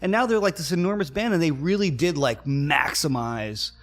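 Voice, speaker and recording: Here the same kind of speaker, a middle-aged Florida musician guesting on an interview podcast, sounds a little high and animated at a normal speed. Laid-back, he spins stories in casual chat, dropping "man" and "like" often.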